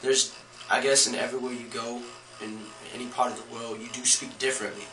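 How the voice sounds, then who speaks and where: A relaxed man with a Californian accent chats through a casual vlog, slangy and loose, with plenty of ums and you-knows. His voice is bright and forward. It rings a little in an echoey room. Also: medium pitch, fairly quick, soft background music. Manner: laid-back, slangy, many fillers. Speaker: vlogger.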